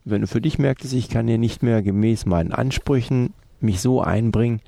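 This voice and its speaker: A man's voice: mid-range voice, normal speed, creaky, dark tone, no echo. A man hosting an interview, asking long, wordy questions. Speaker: interview host.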